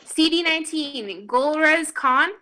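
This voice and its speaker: A woman with a high, bright voice works through a roll call over a video call. She reads each name slowly and with care, pausing to apologize when she stumbles. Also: expressive. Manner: slow, careful reading of names, with apologetic asides and laughs. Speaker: meeting roll-call reader.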